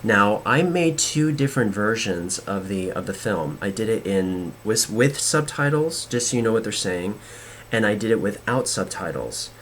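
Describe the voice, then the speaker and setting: A man talks in a fairly low voice, hosting a casual podcast monologue. He rambles, restarts sentences and leans on fillers. A faint hiss sits under his voice. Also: animated, normal speed, a bit bright. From United States. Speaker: podcast host.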